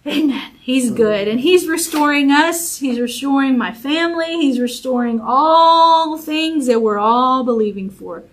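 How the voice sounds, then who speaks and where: Woman Bible study teacher, fairly high voice, informal sermon, repeats her points to a live group. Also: unhurried, hardly any pauses, poor audio. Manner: conversational, repetitive, encouraging preaching.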